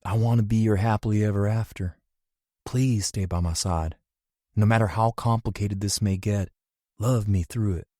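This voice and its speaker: Brief: man reading a swaggering rock star, very low voice, dry close sound. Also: steady tone, moderate pace, dark tone, no room sound, lightly acted. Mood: flirtatious.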